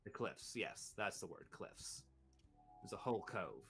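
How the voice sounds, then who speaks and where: A man narrating a tabletop role-playing game as game master, halting and searching for his words. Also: fairly low pitch, lively intonation, fairly bright tone, breathy edge.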